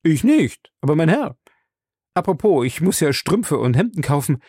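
A man voicing an excitable, talkative young French manservant in a storybook reading, proud and quick to take offence. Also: fairly high pitch, husky, no echo, studio quality, pitched above the performer's own voice. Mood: chatty. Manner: chatty, proud, indignant.

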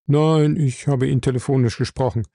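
A man reading aloud and voicing a calm, stout, middle-aged office manager who speaks in a measured, confiding way. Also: mid-range voice, no room sound, studio quality, lightly acted.

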